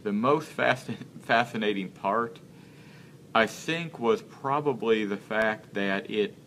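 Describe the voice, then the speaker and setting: Earnest, halting man in his thirties. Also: lowish voice, fairly bright tone, slight background noise. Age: 30s. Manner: earnest, halting, searches for words. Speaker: interview guest. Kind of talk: casual live-stream interview.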